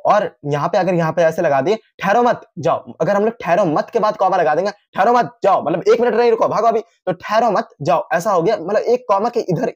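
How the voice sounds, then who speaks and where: A man's voice: sits high, dry recording, studio quality. A man giving a casual exam-revision lesson, repeating each point and talking straight to his students. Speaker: teacher.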